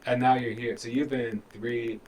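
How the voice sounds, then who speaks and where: A man's voice: mid-range voice, flat delivery, moderate pace, a little mellow, low-quality recording. A man hosting a casual sports interview, chatty and upbeat, firing off follow-up questions. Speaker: interviewer, host.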